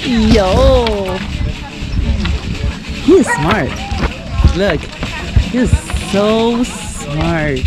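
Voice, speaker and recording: A woman's voice: medium pitch, drawn-out words, long pauses, loud music behind the voice. A woman on a trip, chatting casually and cooing at the dogs, mixing Mandarin and English. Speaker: travel companion. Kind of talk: casual chat. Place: outdoor sled dog kennel.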